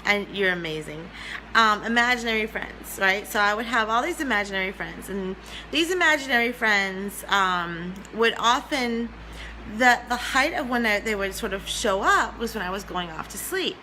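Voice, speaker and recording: A woman's voice: medium pitch, expressive, moderate pace, bright, forceful tone, slight background noise, rough recording. A woman in her forties, a spiritual teacher talking to livestream viewers in an earnest way, often repeating her phrases and greeting viewers by name. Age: 40s.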